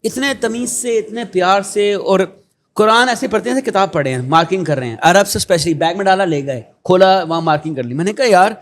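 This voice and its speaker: A middle-aged man with a Pakistani accent, talking as an interview guest in an earnest, preachy way, often slipping into quoted asides. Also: sits high. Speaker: guest, education founder. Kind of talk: conversational interview.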